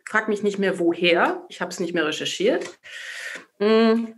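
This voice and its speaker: A woman's voice: mid-range voice, unhurried. A woman artist in a casual dinner-table discussion, talking reflectively and asking herself questions aloud. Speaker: panel participant, artist.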